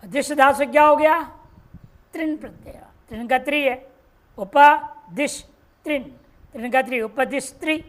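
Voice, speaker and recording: A woman teaching Sanskrit grammar in a classroom lecture, reciting word forms slowly and explaining each step patiently. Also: high-pitched. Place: ashram classroom.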